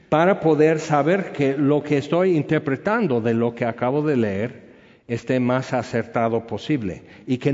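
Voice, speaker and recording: A man with a mid-range, darkish voice teaches a Bible study class conversationally, often checking in with his listeners. The sound is dull and echoey, as in a hall.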